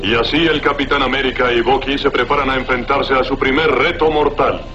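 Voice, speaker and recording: A man's voice: mid-range voice, fairly even intonation, fairly quick, close to an everyday voice. A man narrating a superhero cartoon in dramatic, declamatory storytelling style. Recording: dull lo-fi soundtrack with music.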